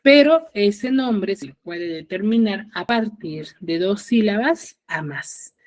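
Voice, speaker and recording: A woman teacher with a Peruvian Spanish accent leads an online class in an everyday, mid-pitched voice that is expressive and slightly dark in tone. She speaks patiently, stressing and repeating key terms, and pauses often to make sure her students are following.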